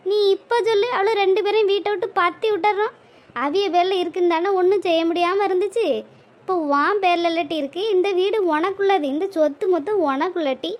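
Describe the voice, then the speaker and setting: A woman's voice: very high-pitched, steady tone, fairly quick. A woman voicing a bossy neighbour who reassures and scolds her friend. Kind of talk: cartoon voice acting.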